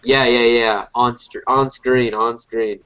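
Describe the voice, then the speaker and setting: A man's voice: medium pitch, steady tone, slow pace, sharp tone, clean tone. Congested man rambling on a lo-fi podcast. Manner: rambling, filler-heavy, frequent restarts. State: congested, a little sick. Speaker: podcast co-host. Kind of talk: casual wrestling review chat. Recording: dull lo-fi podcast audio.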